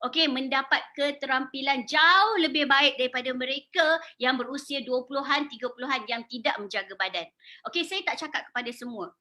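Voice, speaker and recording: Brisk and bright, her high voice carries a forceful tone. She's a beauty salon owner in her forties with a Malaysian accent, persuading an audience in a sales presentation, putting questions to them and dropping in English words.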